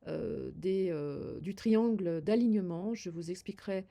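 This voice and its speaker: A woman's voice: lowish voice, a little slow, creaky, dark tone. An older woman demonstrating a makeup routine, giving hesitant, friendly advice to viewers with many fillers. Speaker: beauty vlogger. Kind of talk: makeup tutorial, demonstrating as she talks.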